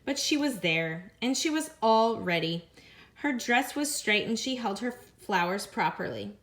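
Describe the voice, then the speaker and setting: Her voice a little high, a woman teacher shares a picture book aloud with her students, drawing out the repeated phrases and voicing the characters' lines higher. The read-aloud is lively and expressive.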